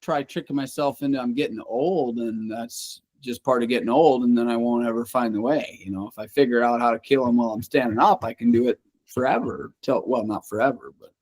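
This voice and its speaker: A man's voice: mid-range voice, brisk, darkish tone, no echo. A man in his late thirties, a guest hunter on a podcast, earnestly explaining his views at length. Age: late 30s. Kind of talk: casual podcast chat.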